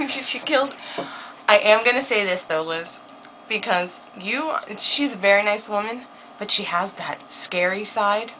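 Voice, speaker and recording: Bright-voiced young woman vlogger, cursing freely. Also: medium pitch, slight background noise, rough recording. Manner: animated, laughing, quick to curse. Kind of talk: casual chat, swearing freely.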